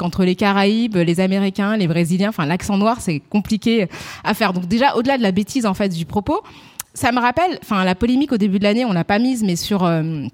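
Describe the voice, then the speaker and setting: A woman co-hosting a casual commentary chat, talking animatedly with frequent fillers and restarts. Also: mid-range voice. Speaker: co-host.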